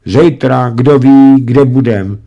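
A man voicing a soft-hearted, pleading young noble daughter in a storybook reading. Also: mid-range voice, vocal fry, dull audio, pitched above the performer's own voice, natural voice. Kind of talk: audiobook reading.

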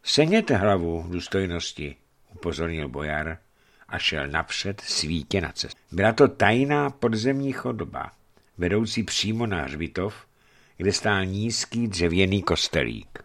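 A man calmly narrating a historical novel as an audiobook in a measured reading voice. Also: low voice.

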